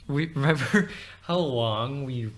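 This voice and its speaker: A man co-hosting a podcast, chatting casually and laughing often as he tells stories. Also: medium pitch. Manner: laughs often, animated storytelling. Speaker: podcast co-host. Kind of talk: casual chat.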